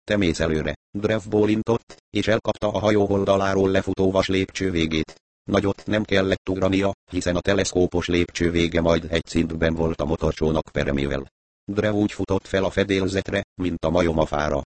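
Deep-voiced male audiobook narrator. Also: little pitch movement, darkish tone, no room sound. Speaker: audiobook reader. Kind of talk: scripted narration.

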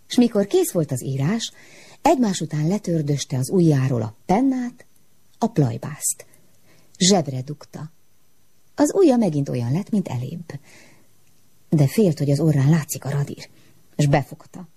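A woman reads a children's story aloud in a low, very husky voice. Her tone is dark and mellow, and her pitch moves a lot as she tells the tale with feeling. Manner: expressive, animated storytelling.

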